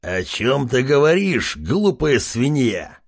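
A man voicing a fat, suspicious male boar chieftain in a fantasy audiobook, with a husky voice. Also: mid-range voice, very animated, slow pace, no room sound, studio quality, full character voice. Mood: angry, frightened.

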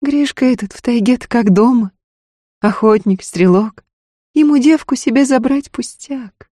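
A reader voicing a weary, sharp-tongued frontier wife in an audiobook, scolding and worried. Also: medium pitch, dry recording, studio quality, voice pushed up, lightly acted. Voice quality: scolding, quick to anger. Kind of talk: audiobook character voice.

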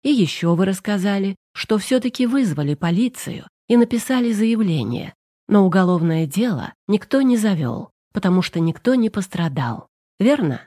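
A woman's voice: medium pitch, sing-song, normal speed, mellow, no room sound, clean studio sound. A woman reader voicing a curt, no-nonsense woman lawyer who gives short commands. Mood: curt, tense.

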